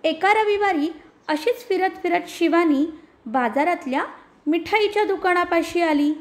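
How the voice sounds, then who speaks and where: A woman primary school teacher reading a textbook story aloud to her class. She asks questions, repeats the answers and gives step-by-step page instructions. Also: very high voice.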